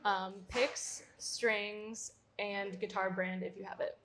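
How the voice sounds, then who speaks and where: A woman's voice: mid-range voice, level tone, slow pace, noisy background. A young woman hosting a live interview at a bar event, bubbly and enthusiastic. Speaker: host. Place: art bar event space.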